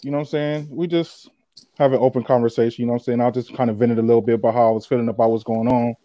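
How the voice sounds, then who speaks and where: A man hosting a casual livestream chat, talking fast in loose slang. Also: medium pitch, steady tone, warm tone, dry recording, highs cut off. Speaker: podcast host.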